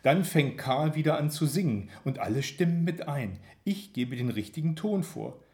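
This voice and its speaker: A man narrating a first-person story in a measured, expressive reading. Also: fairly high pitch. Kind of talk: audiobook narration.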